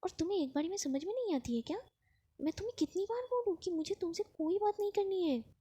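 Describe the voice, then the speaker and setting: A woman voicing an angry young woman in a spoken storybook, scolding her ex in a sharp, raised voice. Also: mid-range voice, steady tone, unhurried, close to an everyday voice.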